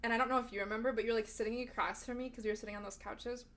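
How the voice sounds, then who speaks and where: A woman's voice: a little high, steady tone, very fast, a bit bright. Chatty young woman podcast co-host. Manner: chatty, laughs often, says "like" a lot. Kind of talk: casual chat.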